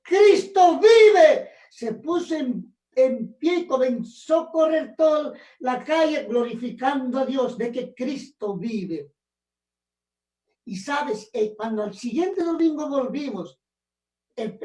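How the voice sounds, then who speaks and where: A woman preaching a sermon and telling a testimony, emphatic and rising to shouts on key phrases. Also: high voice. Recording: echoey room, mic at a distance.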